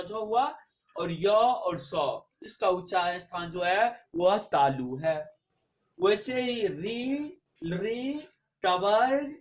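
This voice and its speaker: A man's voice: high voice, fairly bright tone. A man teaching a grammar lesson, patiently spelling out letters one by one and stressing what to memorise for exams. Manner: patient, repeats letters slowly and drills points for exams. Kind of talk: Hindi grammar lesson for exam students.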